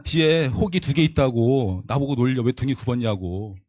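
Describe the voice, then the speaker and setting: A man's voice: medium pitch, expressive, normal speed, a little mellow, no echo, clean studio sound, pitched below the performer's own voice, lightly acted. A man voicing a young son camel in a storybook tale, who complains that the other children tease him. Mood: plaintive.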